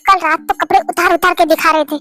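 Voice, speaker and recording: A man's voice: extremely high pitch, steady tone, quick pace, sharp tone, pitched below the performer's own voice. A woman doing a teasing young male boss. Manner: playful, teasing. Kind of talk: Hindi fan-story voice acting.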